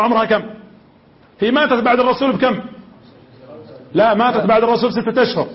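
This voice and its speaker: A man with a Gulf Arabic accent giving a religious lecture. He tells the story with energy and keeps putting questions to the audience. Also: very high voice. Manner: lively storytelling that quizzes the audience. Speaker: preacher. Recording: dull lo-fi lecture recording.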